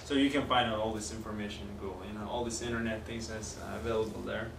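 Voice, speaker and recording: The speaker is a young man from Kazakhstan, a native Kazakh speaker with a matching accent, teaching a video lesson indoors beside a whiteboard. His lowish, gravelly voice is fast and flat, yet he hesitates casually, restarting and using many fillers. The recording is noisy and echoey, taken from a far camera.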